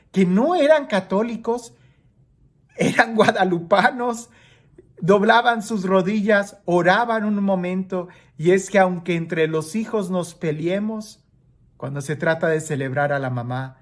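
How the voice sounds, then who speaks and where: A priest giving a daily homily with impassioned preaching, his voice swinging up and down and slowing to lift the words of scripture. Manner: impassioned preaching, pitch rising and falling widely; slows and lifts his voice for scripture quotes.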